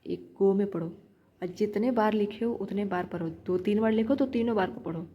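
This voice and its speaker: A woman's voice: medium pitch, moderate pace, dull audio. A young woman giving chatty shorthand practice tips in a casual vlog, repeating her points as she coaches viewers. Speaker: shorthand learner vlogger.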